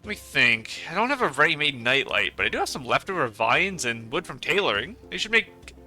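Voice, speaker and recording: A man reading the lines of a gentle, wise woman shopkeeper who speaks in proverbs, in a calm, measured way. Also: fairly high pitch, faint music behind, full character voice.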